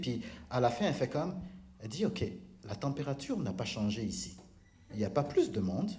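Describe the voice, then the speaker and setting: A man with a Québécois French accent telling a lively church testimony, laughing often and restarting his sentences. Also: mid-range voice. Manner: animated storyteller, laughs often, stumbles and restarts. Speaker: church member giving testimony. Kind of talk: casual spoken testimony.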